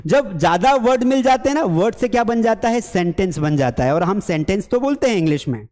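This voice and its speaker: A man's voice: sits high, lively intonation, a little fast, darkish tone, long reverb tail. A man from India teaching a spoken English lesson, chatty, asking questions and answering them himself. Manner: chatty, asks and answers his own questions, mimics students.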